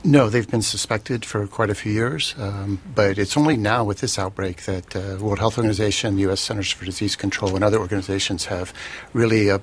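A man answering as an expert guest on a radio show, explaining in a halting, careful flow. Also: fairly low pitch, steady tone, husky.

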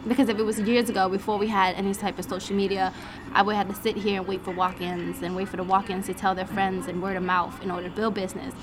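A woman's voice: mid-range voice, level tone, fast talker, a crowd in the background. A woman in her twenties, a nail technician, talking frankly and confidently in a casual interview in a nail salon. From United States. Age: 20s.

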